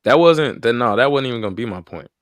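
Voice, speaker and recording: A man's voice: medium pitch, animated, quick pace, dry recording, clean studio sound. A man co-hosting a podcast, teasing and arguing about football in casual chat. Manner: teasing, swings from mumble to loud bursts. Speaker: podcast co-host.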